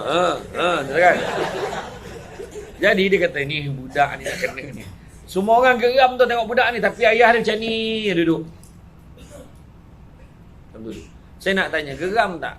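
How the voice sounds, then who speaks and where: A man with a Malaysian Malay accent giving a lively motivational talk, telling anecdotes in an animated way, jumping between loud outbursts and quiet asides and chuckling often. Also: high voice, slight background noise. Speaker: motivational speaker. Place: event venue before a live audience.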